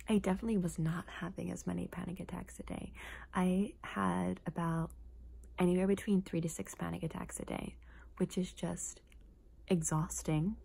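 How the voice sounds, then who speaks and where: A woman speaking softly in a casual, personal ASMR style, hushed and breathy, often slipping into a whisper. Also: on the low side. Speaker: ASMR content creator. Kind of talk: soft-spoken ASMR, casual personal talk.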